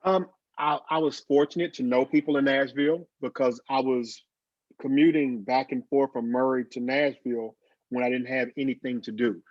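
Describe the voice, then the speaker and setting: A man's voice: medium pitch, steady tone, moderate pace, no room sound. Man with a slight lisp. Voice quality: slight lisp from dental aligners. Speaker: graphic designer, guest. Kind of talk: casual interview over video call. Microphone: video call. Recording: dull video call audio.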